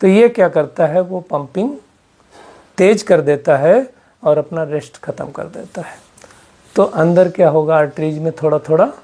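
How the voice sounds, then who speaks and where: A spiritual teacher addresses a live audience about spiritual health, asking them one question after another and weaving in English terms. He has a creaky, somewhat mellow voice on the high side.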